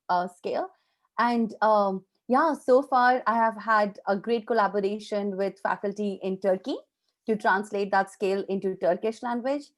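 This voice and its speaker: Woman from India, professor panelist on a video call; courteous, filler-heavy delivery. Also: medium pitch. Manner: polite, many fillers. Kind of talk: conversational panel remarks.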